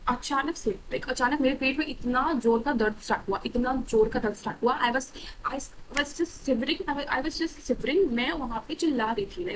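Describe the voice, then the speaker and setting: A young woman telling a personal story to camera, animated and quick, mixing in English phrases with frequent fillers. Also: fairly high pitch, slight background noise, low-quality recording. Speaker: storytime vlogger. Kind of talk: casual storytelling.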